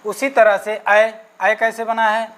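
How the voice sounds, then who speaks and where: Male teacher leading an exam-prep grammar lesson at a slow, patient pace, constantly checking in and answering his own questions. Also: sits high, monotone, fairly bright tone, a little hiss or hum. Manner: asks questions and answers them himself; checks in often with "okay". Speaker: Sanskrit teacher.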